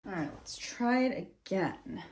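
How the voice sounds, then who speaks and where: A woman's voice: medium pitch, lively intonation, measured pace, a little mellow, roomy sound, slight background noise. A woman sewing at home, thinking aloud in a casual, unsure way and trailing off. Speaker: sewing vlogger. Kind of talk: casual muttering while sewing.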